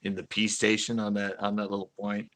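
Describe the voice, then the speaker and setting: Deep-voiced and a little fast, this man chats casually on his fishing channel's live stream with a monotone yet bright, forceful delivery. He wanders, laughs frequently, and restarts or circles back with fillers, all in a close, dry recording.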